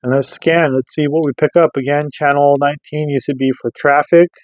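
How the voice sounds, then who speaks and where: The host of a radio gear review channel, a man, gives a casual, hands-on review, explaining things informally and loosely while often checking in with listeners through rhetorical questions. His voice is fairly high with a steady tone and a slightly fast pace. There is no echo.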